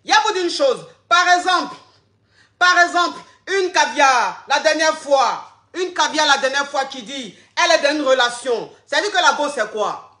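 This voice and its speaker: A woman coaches her live-stream audience on love and relationships. Her voice sits high and rings bright. She repeats key phrases over and over and calls her viewers darling. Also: animated, moderate pace, roomy sound. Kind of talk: live-stream advice talk.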